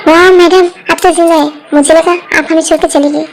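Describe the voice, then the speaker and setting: A woman's voice: extremely high pitch, steady tone, a little fast, soft background music. A woman voicing a fussy, nosy male assistant who blurts things out. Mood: fussy worried.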